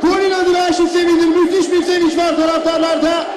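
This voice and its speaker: A man screaming out excited football commentary in shouted goal calls. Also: very high-pitched, a little fast. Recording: echoey stadium broadcast with crowd noise. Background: stadium crowd.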